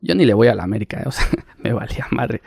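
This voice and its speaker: Gravelly Mexican man telling stories. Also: mid-range voice, fast talker, no room sound, studio quality. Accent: Mexican Spanish. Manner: animated, acts out quoted voices, laughs mid-story. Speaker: paparazzi guest. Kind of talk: casual interview storytelling.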